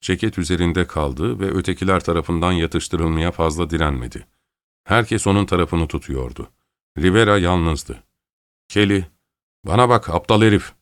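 A man's voice: low-pitched, moderate pace, no room sound. A man narrating a story aloud and changing his voice a little for each character. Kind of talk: storybook reading.

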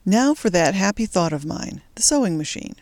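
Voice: medium pitch, sing-song, a little mellow, dry recording. A reader voicing a bold young resistance fighter. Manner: brisk, determined. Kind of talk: audiobook character voice.

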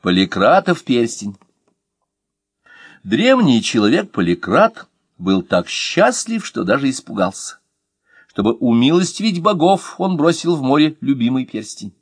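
A man reading humorous short stories aloud in an expressive, ironic way. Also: medium pitch, unhurried, breathy edge, no room sound, studio quality. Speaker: reader.

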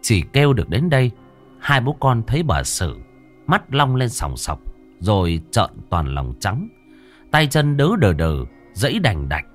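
A man narrating a horror tale in a vivid, dramatic storytelling style. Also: fairly low pitch.

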